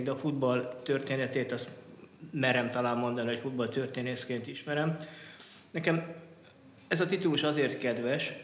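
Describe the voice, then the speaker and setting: Male expert guest, reflective and winding in interview, mid-pitched, roomy reverberant sound with some noise. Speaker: guest, football historian and author. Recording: echoey, reverberant room with clear noise.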